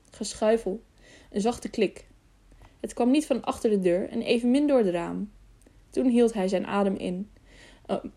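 A woman reading a children's novel aloud as an audiobook, steady, with small slips and self-corrections. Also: medium pitch. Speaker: audiobook narrator.

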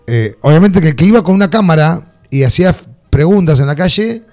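A man's voice: on the high side, a little fast, faint music behind. A man from Argentina with a Buenos Aires accent, hosting casual radio chat, joking and laughing often. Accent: Rioplatense Spanish (Buenos Aires area). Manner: joking, animated, laughs often, mimics voices. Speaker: radio host.

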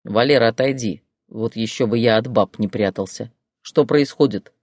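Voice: mid-range voice, a little mellow, dry recording, clean studio sound, close to an everyday voice. A reader barking as a stern commanding boss. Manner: slow, barking orders.

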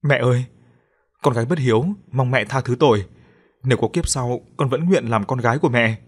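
A man's voice: mid-range voice, a little fast, husky, natural voice. A man voicing a young woman ghost, a dutiful grieving daughter saying tearful farewells to her mother in a storybook reading.

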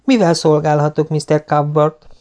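A man voicing a fashionable young shop girl, brisk and sugary in manner. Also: on the high side, sing-song, a little mellow, pitched above the performer's own voice. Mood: perky, polite.

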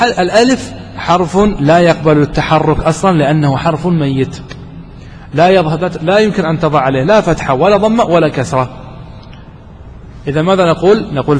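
A man with a fairly high voice teaches grammar as a sheikh. He puts questions to his students and drives each point home by repeating it. His voice carries through a reverberant hall over a faint background hiss. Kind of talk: classroom grammar lesson. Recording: echoey hall with faint noise.

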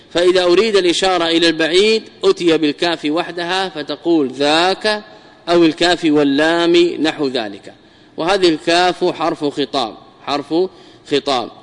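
A man delivers a traditional grammar lesson in a fairly high voice. He repeats phrases and drills examples slowly. The sound rings with a long hall reverb. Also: fairly bright tone. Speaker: teacher of Arabic grammar. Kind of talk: traditional lecture.

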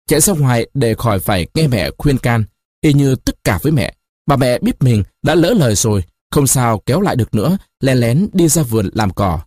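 A man narrating a novel as an audiobook, in an expressive storytelling manner. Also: medium pitch, slightly rough, dry recording, clean studio sound.

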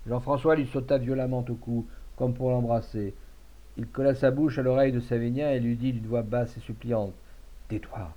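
A man reading a classic tale aloud, measured and expressive, on a dull lo-fi recording. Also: mid-range voice. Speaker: narrator.

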